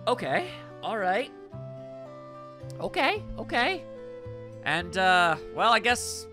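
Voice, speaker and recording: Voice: mid-range voice, bright, forceful tone. A let's play host giving casual video game commentary, musing aloud with wry understatement. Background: video game music.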